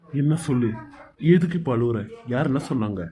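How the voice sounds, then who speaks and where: A man voicing a caring young husband with a Bangalore Tamil accent, speaking gently and protectively in a cartoon serial. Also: medium pitch, a little fast, slight background noise, close to an everyday voice. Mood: concerned. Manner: soft, coaxing reassurance.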